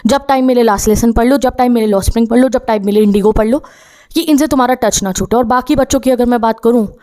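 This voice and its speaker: A young woman teacher talks fast and urgently, coaching students with direct motivational advice. Her voice sits a little high, and she slips into quick acted asides that voice what a student might think. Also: dark tone. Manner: brisk, urgent, direct, acts out students' thoughts. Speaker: teacher giving study advice.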